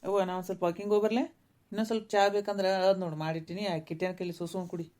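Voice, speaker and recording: A woman voicing a patient young married man in a cartoon, reasoning gently with his mother. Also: on the low side, flat delivery, rapid-fire, natural voice. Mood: calm. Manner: pleading, reasoning, soothing. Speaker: voice actor. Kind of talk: cartoon voice acting.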